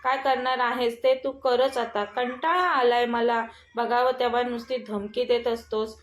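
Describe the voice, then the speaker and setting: A woman's voice: fairly high pitch, fairly even intonation, unhurried, close to an everyday voice. A woman voicing a proud, defiant young wife who speaks angrily, recorded in an echoey room. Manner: angry, defiant.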